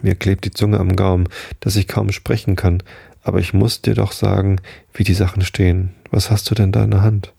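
A man's voice: sits low, little pitch movement, normal speed, vocal fry, slightly rough, no room sound, studio quality, heavily acted. Man reading a dying, parched wanderer. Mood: gentle. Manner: gentle, tired, soothing. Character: dying, parched male wanderer, gentle and weary.

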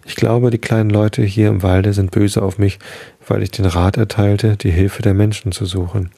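A dejected old bull elk from a storybook speaks quietly and heavily, as a man reads him out. The voice is very low and gravelly, with a dark, husky tone. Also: flat delivery, moderate pace, no echo. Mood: downcast. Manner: subdued, heavy-hearted speech.

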